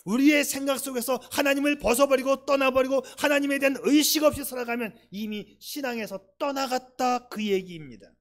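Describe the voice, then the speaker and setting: A male pastor preaching a sermon, emphatic, swinging between loud stresses and soft asides, and putting rhetorical questions to the congregation. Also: extremely high pitch, a little fast, hardly any pauses.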